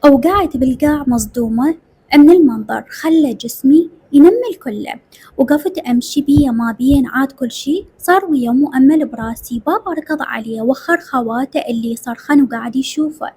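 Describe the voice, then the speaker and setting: A woman's voice: high voice, a little fast, darkish tone, husky. A woman with an Iraqi accent narrating a dramatic story in the first person, emotional and tearful. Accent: Iraqi Arabic.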